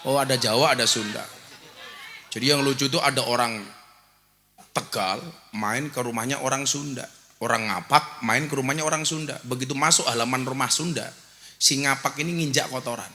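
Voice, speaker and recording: A man, preaching to a crowd in a loud, teasing, joking way. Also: medium pitch, moderate pace. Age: 40s. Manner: loud, bantering, teasing the audience. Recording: long hall echo, faint noise.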